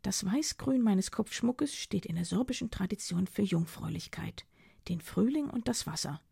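A woman voicing a defiant, proud performance artist in an audiobook, with a husky, gravelly voice. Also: medium pitch, lively intonation, normal speed, mellow, no room sound, studio quality, exaggerated voice. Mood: explaining. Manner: defiant and indignant.

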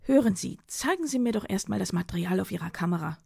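A woman voicing a defiant, proud performance artist in an audiobook, with a husky, gravelly voice. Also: mid-range voice, expressive, quick pace, a little mellow, no echo, studio quality, full character voice. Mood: indignant. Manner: defiant and indignant.

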